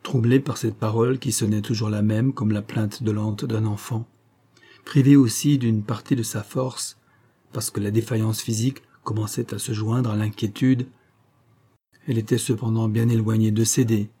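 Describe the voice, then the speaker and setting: A man narrating a novel in a measured, even storytelling manner. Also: fairly low pitch, slightly rough. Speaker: audiobook narrator.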